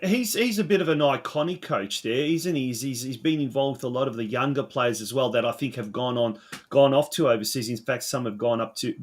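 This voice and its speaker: A man hosting a football talk show, asking long, chatty, winding questions. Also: mid-range voice. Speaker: host.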